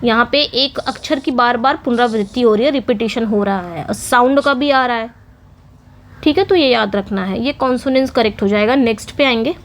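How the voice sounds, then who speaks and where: A young woman with a high voice teaches an English exam-prep lesson. She explains in with English terms mixed in, reads the English questions slowly, and asks and answers her own questions. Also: a little hiss or hum.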